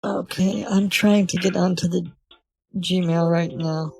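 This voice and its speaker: A man's voice: high-pitched, fairly even intonation, takes it slowly, gravelly, a little mellow, soft background music, voice pushed up, exaggerated voice. A man voicing a fussy, easily confused elderly woman who talks in a doddering, querulous way.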